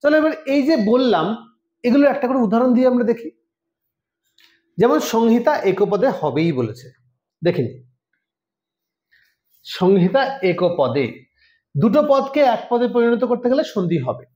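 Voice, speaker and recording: Male tutor, higher-pitched voice, patient step-by-step explainer, recorded in a reverberant room. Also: big pitch swings, a little fast, darkish tone. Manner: explains step by step, often checks understanding. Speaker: Sanskrit teacher for exam preparation. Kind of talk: online lesson. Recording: roomy echo.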